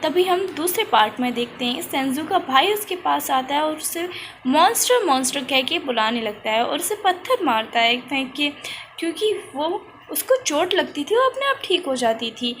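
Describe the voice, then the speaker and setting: A woman's voice: high-pitched, lively intonation, moderate pace, fairly bright tone, slight background noise, poor audio. A woman narrating a drama recap in a plain, running storytelling manner.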